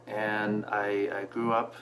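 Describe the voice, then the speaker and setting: Relaxed man telling a story to camera. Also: lowish voice, slow, a little hiss or hum. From Canada. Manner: relaxed, reflective, with frequent fillers and restarts. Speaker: vlogger. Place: small room at home, indoors. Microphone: camera in front at desk distance.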